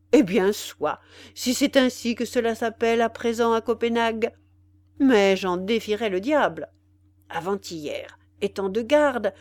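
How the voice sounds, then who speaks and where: A woman's voice: fairly high pitch, darkish tone, no echo. A woman voicing a vain, foppish young male officer in a storybook reading, chattering and boastful.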